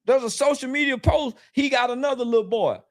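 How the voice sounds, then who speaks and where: A man with a notably high voice launches into a defiant interview rant, blunt and profane, circling back to the same points again and again. The sound is dry and close, with almost no room around it. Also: fairly quick, no room sound. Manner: profane, blunt, repeats himself; defiant and angry. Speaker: interview guest.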